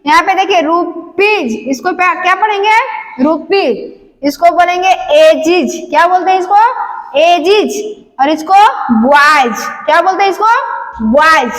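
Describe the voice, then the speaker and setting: Very high-voiced teacher in a hall. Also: female voice, a little slow, fairly bright tone. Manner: asks and answers her own questions, repeating each word. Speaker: English teacher. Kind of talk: classroom lesson. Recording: long hall reverb.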